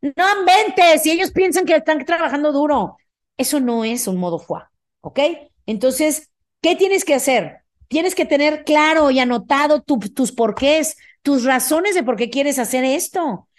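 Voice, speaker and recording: A woman's voice: sits high, unhurried. A middle-aged woman with a Mexican accent hosting a motivational podcast, talking emphatically and often checking in with listeners. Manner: energetic, emphatic, often asks "ok?". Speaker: podcast host.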